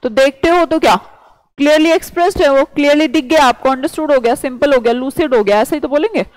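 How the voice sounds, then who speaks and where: A woman's voice: sits high, quick pace, dry recording, low-quality recording. A woman teacher giving a vocabulary lecture, explaining words by asking questions and answering them herself.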